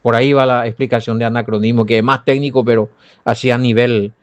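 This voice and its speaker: In a muffled recording, a Paraguayan pastor with a Paraguayan Spanish accent speaks fast at a medium pitch. He offers Bible commentary and replies to listener comments with animated rhetorical questions addressed directly to his audience.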